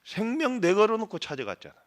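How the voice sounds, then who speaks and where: A middle-aged Buddhist monk gives a dharma talk in a high-pitched voice, speaking fast with wildly swooping pitch. He questions his listeners, mimics regional dialects, and swings from loud emphasis to quiet asides.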